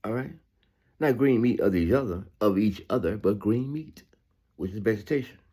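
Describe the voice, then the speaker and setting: With a fairly low, dark, husky voice at a moderate pace, a man reads from the Bible and mixes in casual preaching. He hammers points home by repeating phrases and uses conversational asides to seek agreement.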